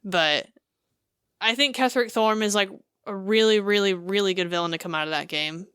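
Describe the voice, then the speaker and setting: A woman co-hosting a podcast, recounting a game scene in casual chat, animated and full of fillers. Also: mid-range voice, normal speed, clean tone, no room sound, studio quality. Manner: animated storytelling with many fillers. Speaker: podcast co-host.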